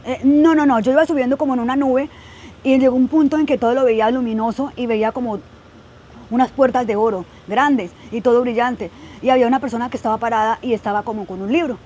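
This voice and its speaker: A young woman recounts her own story in a podcast interview, earnest and a little hesitant, with many "eh" and "pues" fillers. Her voice sits fairly high. A faint hiss of noise runs under the recording. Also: steady tone, fast talker, warm tone. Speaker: guest sharing her testimony. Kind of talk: podcast interview, personal testimony.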